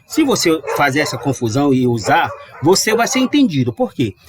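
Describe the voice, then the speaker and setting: A man teaching English in a casual, chatty way, slowing down to model pronunciation. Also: a little high, background noise. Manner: lively, chatty, stretches English words slowly to model pronunciation. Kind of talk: casual explanatory lesson. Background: dog barking outside.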